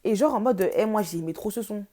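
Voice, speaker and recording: A young woman vlogging at home, telling a storytime in a casual, slangy, animated way. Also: mid-range voice, quick pace. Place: home, noisy household.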